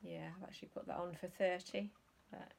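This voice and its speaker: A woman with a low, gravelly voice rambles through a casual home vlog, pausing often with ums and restarts. A faint hum of background noise sits under her voice. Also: fairly even intonation. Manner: rambling, hesitant with many ums. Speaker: reseller vlogger. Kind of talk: casual chat.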